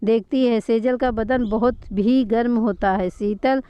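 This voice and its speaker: A woman calmly narrating a scripted family drama story. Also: on the high side, unhurried, clean tone, dry recording. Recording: dull lo-fi recording.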